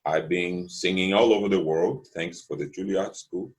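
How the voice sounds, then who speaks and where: A middle-aged man, a singer, giving a slow, proud scripted personal statement. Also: low voice.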